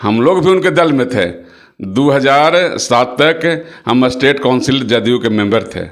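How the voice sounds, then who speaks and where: A middle-aged man, a local politician, speaking forcefully to the press and repeating phrases for emphasis. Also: mid-range voice, animated, measured pace. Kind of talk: impassioned political speech to press.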